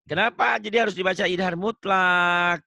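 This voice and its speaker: A man's voice: sits high, steady tone, moderate pace, creaky, bright, forceful tone, no room sound. A man teaching tajwid one-on-one, patient and questioning, repeating his points over and over. He quizzes the student and explains the rules step by step. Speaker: Quran recitation teacher.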